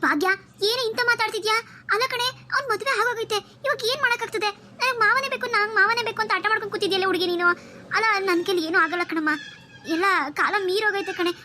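A woman's voice: extremely high pitch, fast, bright, forceful tone, slight background noise, pitched above the performer's own voice. A woman voicing a chiding, worried mother. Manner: chiding, reasoning. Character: worried mother, sensible and scolding. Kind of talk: Kannada cartoon voice acting.

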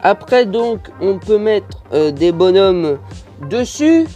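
A man's voice: sits high, very animated, takes it slowly, mellow, highs cut off, soft background music. A man with a French accent casually reviewing a toy set, hesitant with many fillers and lots of detail.

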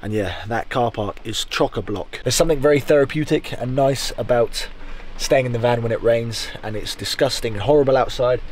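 A young man chatting excitedly to camera as a van life vlogger inside his small camper van. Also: mid-range voice, fairly quick, hardly any pauses, a little hiss or hum. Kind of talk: casual vlog narration to camera. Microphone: camera held or set close.

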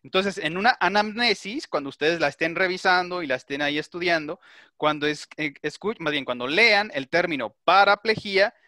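Bright-voiced male teacher, methodical. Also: high voice, brisk, dry recording, studio quality. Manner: methodical, explains step by step and checks understanding. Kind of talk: online class lecture with questions to students.

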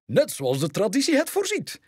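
Guy doing a prim fussy bird butler voice, pitched way up, flemish accent, kinda breathy. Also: huge pitch swings, normal speed, darkish tone, dry recording, studio quality, exaggerated voice. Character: fussy prim male hornbill bird advisor.

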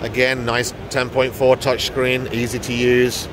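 A middle-aged company representative, a business development manager, gives an informal product tour to the camera in a large trade show hall. His medium-pitched voice is level and unhurried. It's filmed on a handheld phone at arm's length amid noisy exhibition ambience.

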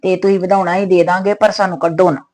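A woman's voice: on the low side, little pitch movement, fast talker, a little mellow, close to an everyday voice. A woman playing a submissive tenant who pleads with her landlady. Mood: pleading. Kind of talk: skit acting.

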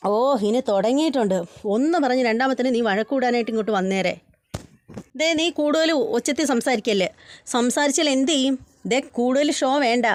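A woman voicing a blunt, sarcastic young husband with sharp, mocking retorts in a retold family serial. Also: high-pitched, moderate pace, close to an everyday voice. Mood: quarrelsome.

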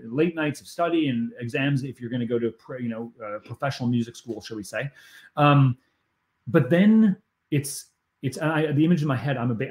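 A man's voice: medium pitch, a little mellow. A man hosting a coaching podcast, talking enthusiastically in casual conversation and often stumbling over repeated words.

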